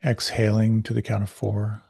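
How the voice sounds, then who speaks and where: A man teaching a guided meditation class, giving gentle, unhurried, soothing instructions with pauses. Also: on the low side, monotone, creaky, husky, no room sound, studio quality.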